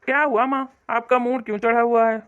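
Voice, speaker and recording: A woman voicing a grown son in an animated cartoon, a mild shopkeeper who placates his mother. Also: on the high side, fairly quick, clean tone, close to an everyday voice. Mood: placating. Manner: placating, reasonable. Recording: dull lo-fi audio.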